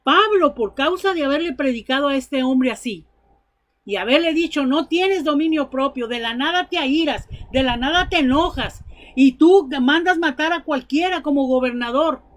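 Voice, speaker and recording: A woman's voice: high voice, animated, normal speed. A woman preacher delivering a sermon, telling Bible stories and her own testimony in an earnest, emphatic way.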